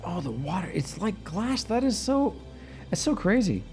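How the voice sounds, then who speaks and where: A man's voice: high-pitched, very animated, normal speed, darkish tone, soft background music. A man hosting a game livestream, chatting eagerly and trailing off with fillers as he sails around. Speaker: streamer host. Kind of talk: casual livestream chat.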